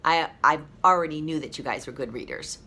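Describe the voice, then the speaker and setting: A woman teacher with a low-pitched voice reads a picture book to children expressively and encouragingly, stopping now and then to speak to them directly.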